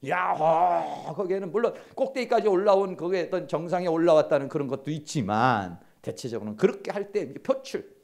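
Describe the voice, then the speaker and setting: A middle-aged man giving a counseling lecture at a seminary, telling stories and acting out quoted lines in hushed voices. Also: a little high, expressive, a little fast, vocal fry.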